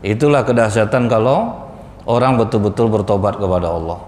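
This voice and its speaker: Preacher in an echoey hall. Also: male voice, a little fast, a little mellow. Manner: addresses audience as Pak and Bu, acts out dialogue in lowered voice. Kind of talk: sermon storytelling. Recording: echoey hall, faint background noise.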